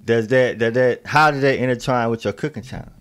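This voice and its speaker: A man's voice: medium pitch, fairly quick, a bit bright, clear, resonant tone. A man in his thirties with a mid-range voice, hosting a casual podcast. He rambles, restarts his thoughts, and keeps checking in with his listener. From South Carolina. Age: 30s. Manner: rambling, repeats himself, keeps asking "you see what I'm saying". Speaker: podcast host. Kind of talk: casual interview chat.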